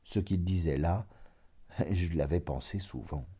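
A man reading a literary story aloud in a measured, dramatic narration. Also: low voice, warm tone, breathy edge. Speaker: audiobook narrator.

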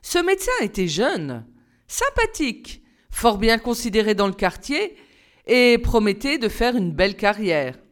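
A woman narrating a children's story in a clear, measured reading voice. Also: fairly high pitch, sing-song. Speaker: reader.

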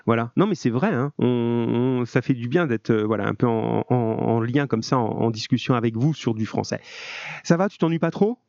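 A man's voice: medium pitch, moderate pace, creaky, a little mellow, dry recording, dull audio. A male French teacher running a live call-in lesson with his students, speaking in a friendly, informal and encouraging way. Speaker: middle-school French teacher.

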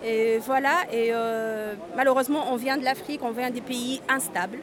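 Out at a street march, a high-voiced Tunisian woman in her forties gives an interview as an undocumented migrant. Her tone is steady and her pace moderate; she speaks earnestly, repeating words and restarting often, with the crowd audible around her.

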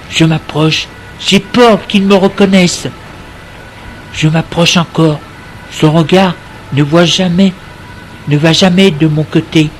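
A man reading a first-person story aloud in a slow, intimate, tense way. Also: on the high side, a little hiss or hum.

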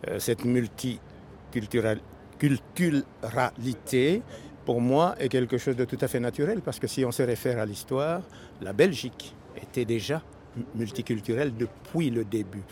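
An older man from Congo answers interview questions outdoors at a city station. He speaks in a measured, deliberate way. Faint traffic noise hums behind him. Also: mid-range voice, darkish tone.

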